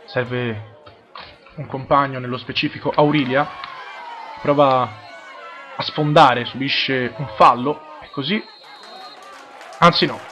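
A man with an Italian accent giving live football play-by-play, measured and halting, in short phrases. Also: mid-range voice, fairly even intonation, pushed and bright, faint music behind. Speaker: football match commentator. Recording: crowd noise behind the voice. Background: crowd at a football ground.

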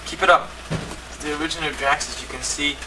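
A man speaking fast in a slightly high, steady voice puts on a TV-presenter act while showing off his comics. The clip comes from an old VHS home video shot indoors at home, the camcorder mic far across the room and the tape full of hiss.

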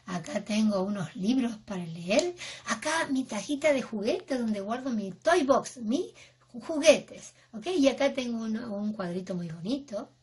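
A young woman teaching English words to small children, with an exaggerated, expressive sing-song delivery. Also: fairly high pitch, unhurried. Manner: exaggerated, expressive, acting out emotions for kids.

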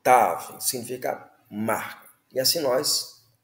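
A man's voice: medium pitch, slow pace, vocal fry, roomy sound. A man teaching the Hebrew alphabet, patiently repeating words and checking in with listeners. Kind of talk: slow classroom explanation.

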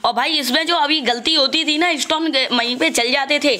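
A man giving casual gameplay commentary, chatty and walking the viewer through each step, stopping to fix his own mistakes out loud. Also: very high-pitched, normal speed. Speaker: gaming channel host.

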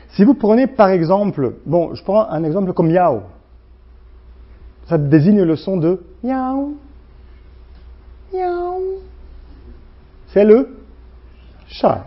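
A man with a Slavic accent, a native Slovene speaker, giving a university lecture in a halting way, full of restarts and fillers, acting out the sounds he discusses. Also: high-pitched, dull audio. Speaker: guest lecturer.

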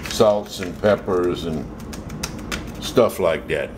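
A middle-aged man with a Southern US accent talking in a folksy, plain-spoken way as he demonstrates home cooking in a casual vlog. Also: sits low. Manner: folksy, unhurried, plain-spoken with mild swearing. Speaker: home cook demonstrating a recipe. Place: home kitchen, indoors. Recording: clear background kitchen hum noise.

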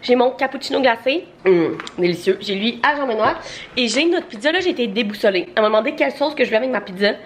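A woman's voice: on the high side, animated, quick pace, slight background noise. A young woman with a Québécois French accent, chatting casually to camera in a vlog, with lots of fillers and asides. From Quebec, Canada. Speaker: vlogger.

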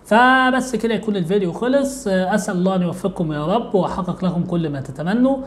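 Rapid earnest Egyptian man. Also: sits high. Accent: Egyptian Arabic. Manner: earnest, repeats key points, often addresses viewers. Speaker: host of a religious advice channel. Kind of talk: direct-to-camera monologue.

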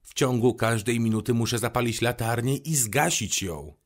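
A man's voice: medium pitch, normal speed, lightly acted. A man voicing a weary, dutiful lamplighter who sounds resigned.

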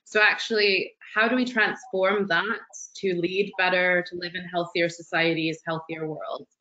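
A woman's voice: fairly low pitch, level tone, normal speed, sharp tone. A woman in her twenties, a webinar guest, speaking enthusiastically and expansively from home over a video call. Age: 20s. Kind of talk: online panel interview. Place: living room at home. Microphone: laptop webcam video call. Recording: dull lo-fi video call audio.

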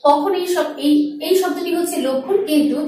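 A woman with a high voice teaches at a board, step by step, asking questions and then answering them herself. The room echoes strongly and her voice sits back from the mic. Her delivery is patient and classroom-like. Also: brisk, dark tone, recorded from a distance. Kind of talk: board lesson on Bengali pronunciation.

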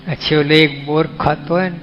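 A man with a Gujarati accent and a slightly high voice speaks at a moderate pace with fairly even intonation. He delivers a folksy, conversational sermon as a monk, frequently putting questions to his listeners. The lo-fi recording sounds dull, with faint music underneath.

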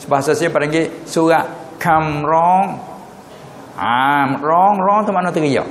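A religious teacher from southern Thailand, speaking with a Patani Malay accent, lectures in a slightly high male voice and quizzes his listeners. He draws out Arabic terms, and the hall recording is echoey with a little hiss or hum.

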